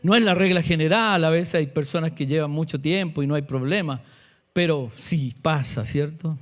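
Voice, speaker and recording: A male pastor preaching a sermon, asking the congregation questions and slowing down to stress key words. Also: a little high.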